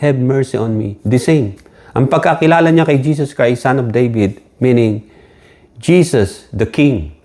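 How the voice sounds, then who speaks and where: Filipino pastor guy giving a sermon, kinda low voice, emphatic, keeps repeating words. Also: a little mellow. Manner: emphatic, repeats key words, rises to dramatic quotes. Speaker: preacher. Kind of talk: sermon mixing Filipino and English.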